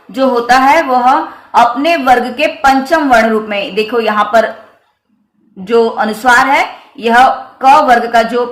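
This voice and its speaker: Slow, careful Hindi teacher in an echoey room. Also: female voice, fairly high pitch, a bit bright. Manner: slow, careful explaining with repeated examples. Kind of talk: grammar lesson on the Hindi script.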